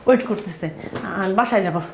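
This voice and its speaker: A woman's voice: medium pitch, fast talker, noisy background, natural voice. A woman playing an anxious young fiancée who pleads and worries. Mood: pleading. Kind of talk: amateur short-film acting.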